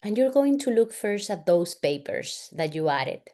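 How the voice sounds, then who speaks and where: A woman facilitator, an English speaker, leading a family constellations exercise in a slow, soft-spoken guided-meditation style with long pauses. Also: mid-range voice, sing-song.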